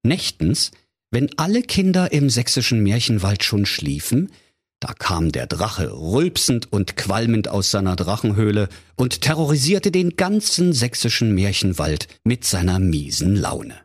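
A man's voice: fairly low pitch, very animated, measured pace, breathy edge. A man narrating a comic fairy tale for children in a playful, mock-solemn storyteller's manner.

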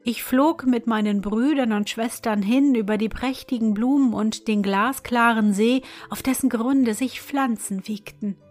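A woman's voice: fairly high pitch, measured pace, few pauses, a little mellow, soft background music, lightly acted. A woman voicing a homesick canary in a storybook reading, speaking in a dreamy, sing-song way. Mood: wistful.

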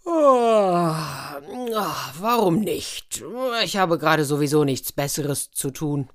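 A woman's voice: low voice, expressive, slow pace. A woman voicing a lazy, easygoing male hero who sounds unbothered by everything, for a storybook reading. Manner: casual, unbothered.

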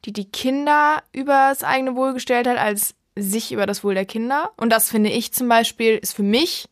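A woman in casual podcast conversation as the host's daughter, quick to object and argue her point, laughing often. Her voice is fairly high and sounds dry and close to the mic. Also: dry recording.

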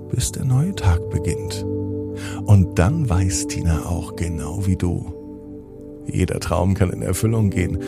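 A man's voice: sits low, vocal fry. A man narrating a children's bedtime story in a soothing, lilting way.

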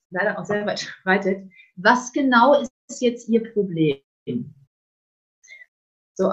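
A woman's voice: fairly high pitch, dull audio. A middle-aged woman with a northern German accent teaching a webinar on customer objections, acting out customer dialogues. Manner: lively, acts out customer dialogues. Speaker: sales trainer.

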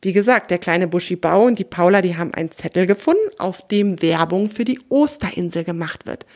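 A woman hosting a children's podcast and reading a story aloud, gently speaking straight to the child listener. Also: fairly low pitch, expressive, fairly quick.

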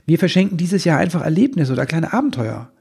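A small, timid male Christmas elf from a storybook, pitched high above a normal speaking voice and eager to please. His speech stammers and turns tearful when he is upset. The voice carries a gravelly, husky edge, as a man reading aloud puts it on. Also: sing-song, quick pace, a little mellow, exaggerated voice.

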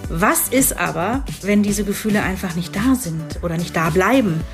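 A woman's voice: mid-range voice, expressive, moderate pace, over music. A young adult woman co-hosting a podcast, chatting casually and laughing easily at herself. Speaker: podcast co-host.

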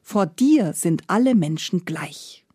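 A woman's voice: lowish voice, lively intonation, slow, darkish tone, husky, no room sound, studio quality, heavily acted. A woman voicing a poor, desperate peasant father of thirteen, speaking earnestly.

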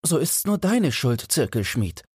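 A man's voice: mid-range voice, sing-song, a little slow, a little mellow, slightly rough, dry recording, clean studio sound, pitched above the performer's own voice, full character voice. A man voicing Felix, a young goldsmith apprentice, fearful and pleading in a fairy-tale audiobook. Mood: anxious, pleading.

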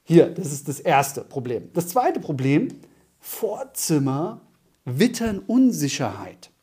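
Husky, animated German sales trainer. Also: male voice, slow pace. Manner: punchy, emphatic, with sound words like boom and zack. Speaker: cold-calling sales trainer. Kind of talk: instructional sales training talk.

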